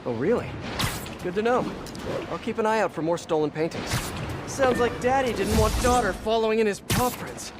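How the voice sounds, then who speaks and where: A man's voice: high-pitched, expressive, normal speed, music in the background. A man playing a young, wisecracking superhero in a video game, with a playful, eager, wry way of talking. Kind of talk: video game voice acting, quippy banter.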